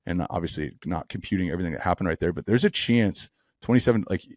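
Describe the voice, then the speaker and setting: A man's voice: sits low, quick pace, no room sound, studio quality. A man co-hosting a football podcast, talking through a play step by step like a coach. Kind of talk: film breakdown.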